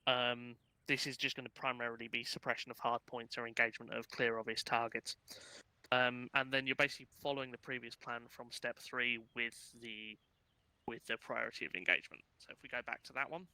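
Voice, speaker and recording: A man's voice: mid-range voice, steady tone, fairly quick, bright, forceful tone, clear, resonant tone, no room sound, rough recording. A man casually briefing his gaming unit on tactics over voice chat, with lots of ums and uhs. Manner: casual, chatty, filler-heavy explaining. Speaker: unit instructor.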